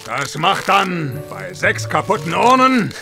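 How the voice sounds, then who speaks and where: A man voicing an ancient, wrathful, pompous mummy in a video game, with slow, drawn-out theatrical wails and a creaky voice. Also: high-pitched, huge pitch swings, over loud music, heavily acted. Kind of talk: cartoonish adventure game voice acting.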